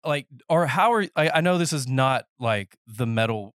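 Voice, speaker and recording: A man's voice: medium pitch, expressive, normal speed, fairly bright tone, clean tone, no echo, studio quality. A man in his thirties hosting a casual podcast interview, a little nasal and congested, rambling and joking as he talks. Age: 30s. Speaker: podcast host. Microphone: headphones and podcast mic.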